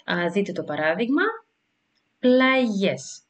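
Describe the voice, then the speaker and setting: A woman's voice: medium pitch, lively intonation. Woman teaching careful beginner language lessons. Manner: slow, careful explanations with frequent hesitations; sounds out example letters and words for learners to repeat.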